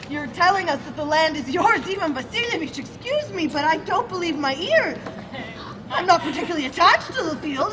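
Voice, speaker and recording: A woman's voice: very high voice, background noise. A young woman reading the part of a stubborn, quarrelsome landowner's daughter in a live outdoor play reading. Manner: stubborn, quick to shout. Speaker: student actor. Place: outdoor courtyard.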